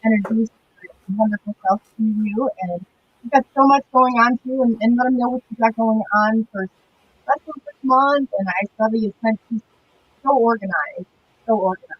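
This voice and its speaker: A woman's voice: fairly high pitch, normal speed, muffled recording, slight background noise. A woman hosting a casual livestream, gushing as she introduces a guest, her voice hollow and echoing as if she were in a tunnel. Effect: hollow tunnel-like echo, sounding far from the mic. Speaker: livestream host.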